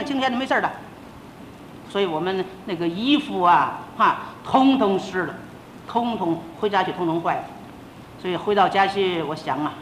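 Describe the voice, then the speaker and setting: An older woman, a senior religious teacher, giving a sermon as a personal testimony, telling her story with emotion and acting out the dialogue. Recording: roomy old tape with faint rumble.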